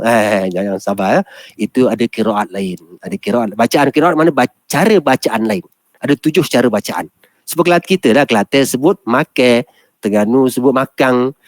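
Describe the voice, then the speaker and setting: A man's voice: medium pitch, no room sound. Malaysian guy teaching quran reading, patient, step by step, mid voice, dry close sound. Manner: patient, explains step by step, chants Arabic verses slowly. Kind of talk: classroom lesson on Quran recitation.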